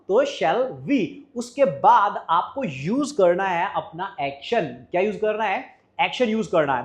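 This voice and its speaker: Man, English teacher, high voice, teaching in Hindi, question-and-answer style. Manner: asks the class questions and answers them himself. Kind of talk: spoken English lesson in Hindi.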